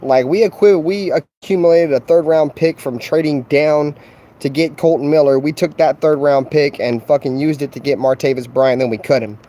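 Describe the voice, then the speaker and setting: A man's voice: on the high side, steady tone, normal speed, warm tone. Profane, slangy man trash-talking on a livestream. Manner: loose and rambling with fillers. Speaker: sports livestreamer. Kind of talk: casual livestream trash talk.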